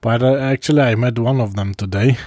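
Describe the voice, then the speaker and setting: A man speaking in a casual first-person travel diary, halting, with frequent pauses and restarts and soft chuckles between phrases. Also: medium pitch, no echo, clean studio sound. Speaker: traveler recording a video diary.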